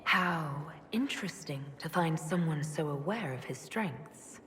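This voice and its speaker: An actress playing a composed elf mage leader in a fantasy game, measured and gently teasing. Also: female voice, sits low, animated, slight background noise. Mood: dry, amused. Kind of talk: dramatic video game cutscene acting. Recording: long reverb, faint background ambience.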